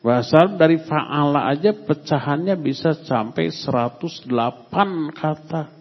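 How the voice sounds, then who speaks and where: A middle-aged man giving a religious study lecture, unhurried and emphatic, putting questions to his audience. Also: a little high, slightly rough. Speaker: Islamic teacher. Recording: long hall reverb, muffled lo-fi sound.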